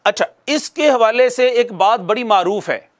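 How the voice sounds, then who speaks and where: A man with a notably high voice teaches Quran recitation in a video lesson. He speaks patiently to his viewers and repeats key phrases for emphasis. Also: animated, moderate pace. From Pakistan.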